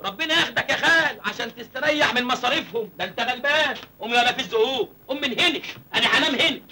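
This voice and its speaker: A man's voice: extremely high pitch, racing, pushed and bright, slight background noise, exaggerated voice. An actor playing a cheeky, whining orphaned young village man with an Egyptian accent, in a comic film.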